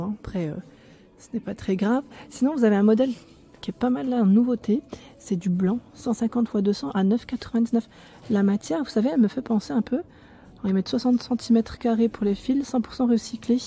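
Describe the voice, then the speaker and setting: A woman's voice: on the high side, a little fast, warm tone, slightly rough. A woman casually vlogging a walk through a large furniture store, chatting along, reading prices aloud and stumbling over product names. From France. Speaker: shopping vlogger. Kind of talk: casual store walkthrough vlog.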